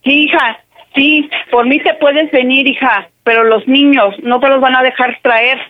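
A woman's voice: sits high, fairly even intonation, a little slow, no room sound. A woman on a phone call with her daughter, agitated, protective and swearing. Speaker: prank call target, caller's mother.

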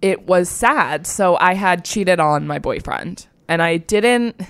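A young woman in her twenties co-hosts a casual chat podcast and tells a personal story in a frank, rambling way. Her voice sits low and sounds smooth and clean. The recording is dry and close. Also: animated, slow, dry recording. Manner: candid, rambling storytelling with many likes. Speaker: podcast co-host.

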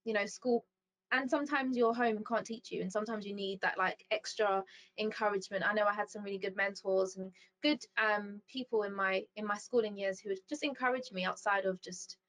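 A young woman, a founder and CEO appearing as a guest, talks about her work in a casual interview chat, thoughtful yet relaxed and full of ums and likes. Her mid-range voice is fairly bright, with fairly even intonation and a slightly fast pace. The recording is low quality.

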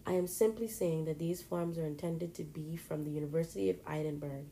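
A cordial middle-aged mentor in a suit, read by a woman, speaking formally and courteously. The voice is low and mellow, with faint noise behind it. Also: steady tone, brisk.

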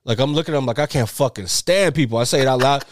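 A man telling a story in casual podcast chat, rapid, profane and full of slang. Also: mid-range voice, no room sound, studio quality. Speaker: podcast co-host.

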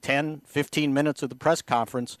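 A man's voice: fairly high pitch, steady tone, a little fast, no room sound. A man co-hosting a casual sports podcast, telling anecdotes with lots of false starts and repeated words. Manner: storytelling, many false starts. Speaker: podcast co-host.

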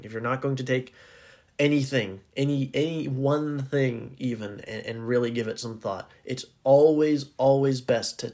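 A man speaks in a raspy voice that sounds hoarse, at a medium pitch. He is hosting a solo podcast in a casual, unscripted way. His delivery is earnest and addressed directly to the listener. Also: darkish tone. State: hoarse, needing to clear his throat. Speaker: podcast host.

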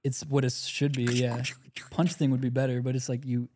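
A man's voice: mid-range voice, level tone, moderate pace, warm tone, a little hiss or hum. Laughing, joking young male podcaster. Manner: joking, laughs often, loose and rambling. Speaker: podcast co-host. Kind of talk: casual chat.

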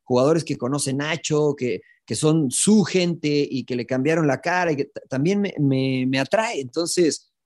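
A man's voice: fairly high pitch, measured pace, a little mellow. A Mexican man co-hosting a casual sports talk show, hesitant and repeating his words, then telling jokey stories. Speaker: podcast co-host and analyst.

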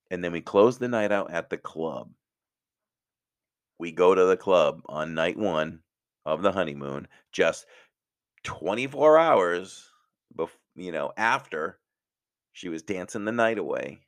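Middle-aged guy hosting a podcast, real deep voice, takes his time, jokey storytelling. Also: a bit bright, no room sound, clean studio sound. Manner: chatty and self-mocking, laughs at his own jokes. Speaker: podcast host. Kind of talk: casual storytelling.

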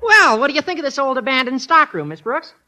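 An eager, bright teenage schoolboy. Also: male voice, very high-pitched, sing-song, fast talker, slight background noise, full character voice. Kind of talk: 1950s radio comedy acting.

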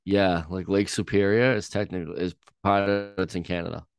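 A young man co-hosting a casual song-reaction chat, talking in a halting way with many ums and restarts. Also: deep voice, steady tone, clean tone, no room sound. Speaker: podcast co-host.

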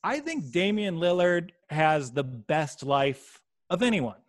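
Animated man with a Michigan accent. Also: on the high side. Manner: animated, quick asides and jokes. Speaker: sports betting podcast co-host. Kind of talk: casual sports chat.

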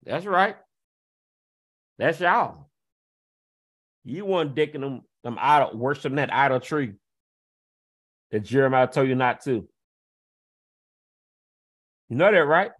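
A man delivering a confrontational rant, firing taunting rhetorical questions and scoffing laughs, swinging from loud jeers to low, slow muttering. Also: animated.

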